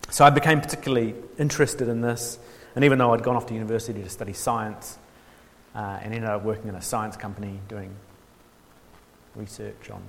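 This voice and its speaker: Lecturing informally on theology at a workshop, this New Zealander speaks fairly quickly in a lowish, creaky voice with a steady tone. The hall is reverberant and there's slight background noise. He hesitates often, restarting and saying um, and pokes dry fun at himself.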